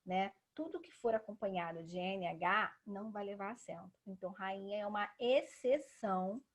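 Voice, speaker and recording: A woman's voice: mid-range voice, normal speed, slightly rough. A woman with a Brazilian Portuguese accent giving a patient classroom grammar lesson, often checking in with tag questions. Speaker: teacher.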